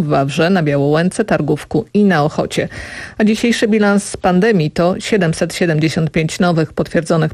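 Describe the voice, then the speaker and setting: A woman's voice: lowish voice, no echo. Radio news lady reading the bulletin, dry studio mic. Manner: steady, formal reading. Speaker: radio newsreader.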